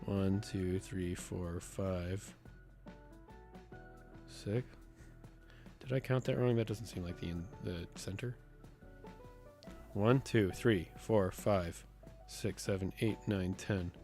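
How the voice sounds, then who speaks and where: A man with a rough, sick voice that sits on the low side. He talks at an unhurried, drawn-out pace, thinking aloud and counting quietly as he works. Soft music plays faintly behind his casual stream chatter. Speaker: streamer and host. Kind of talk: casual live-stream chat while building a map.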